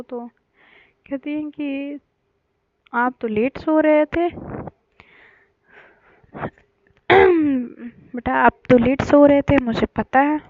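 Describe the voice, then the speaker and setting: A woman's voice: on the high side, no echo, phone-quality sound. A woman casually telling a serialized love story, chatty and hesitant with fillers, lightly voicing the characters' lines.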